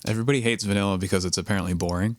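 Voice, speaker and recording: A man's voice: on the low side, steady tone, racing. A young man co-hosting a podcast, chatting casually in a laid-back, jokey way. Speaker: podcast co-host. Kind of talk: casual chat.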